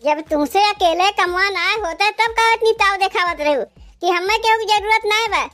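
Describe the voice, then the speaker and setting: A woman's voice: extremely high pitch, moderate pace, a bit bright. A woman voicing quarrelsome young village daughters-in-law with an Awadhi accent, taunting and bickering.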